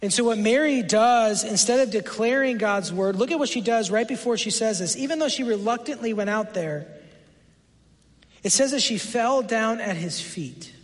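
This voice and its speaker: High-voiced man preaching in a reverberant hall. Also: moderate pace. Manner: animated storytelling, acts out quoted voices. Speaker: pastor. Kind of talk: sermon.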